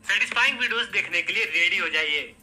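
A man's voice: high-pitched, expressive, fast talker, pushed and bright, exaggerated voice. A man's own voice recording played back in an app, reading a short promo line. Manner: announcer-style promo line.

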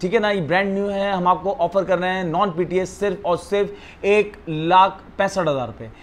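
A man with a Pakistani accent giving an eager, repetitive teleshopping-style sales pitch as a phone retailer. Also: normal speed. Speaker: phone retailer presenting stock. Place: living room of a house, indoors. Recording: some background noise in a room.

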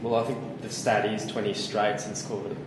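Flat-voiced interviewer, echoey and distant. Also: male voice, on the low side, moderate pace. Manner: flat, brief prompting questions. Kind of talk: post-match interview. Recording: very echoey room, distant mic, audible noise.

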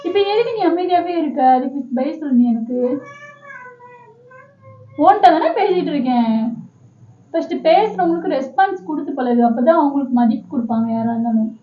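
A woman's voice: high-pitched, lively intonation, fairly quick, long pauses. A woman in a casual home video who pleads with her husband and scolds him by turns. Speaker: wife pranking her husband. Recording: dull, echoey room sound.

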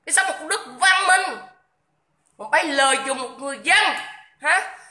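Angry Vietnamese woman, high bright voice, coarse repetitive phone livestream rant. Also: normal speed. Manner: shouting insults, coarse swearing, repetitive.

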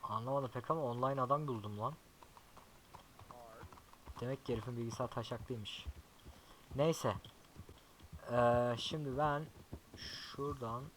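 A young man giving casual gameplay commentary as a YouTuber, chatty and swearing often, talking softly to his horse now and then. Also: medium pitch, a little hiss or hum, rough recording. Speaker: gaming YouTuber.

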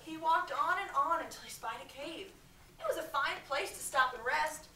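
An American elementary school teacher with a bright, high-pitched voice reads a storybook aloud to her class, expressive and projecting, pausing to question the pupils. A far camera records her in a medium-sized indoor classroom, so the sound is echoey and distant with faint background noise.

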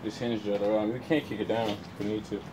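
A man's voice: on the low side, flat delivery, quick pace. A man chatting casually with friends outdoors, using slang and swearing. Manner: slangy, profane. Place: outdoors walking around derelict building. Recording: very noisy outdoor phone recording.

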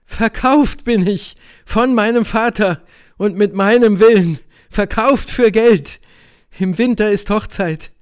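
A man's voice: high voice, slow, smooth, pitched above the performer's own voice. A man reading an audiobook, voicing a troubled young woman who is bound by duty, pleading and tense. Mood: bitter.

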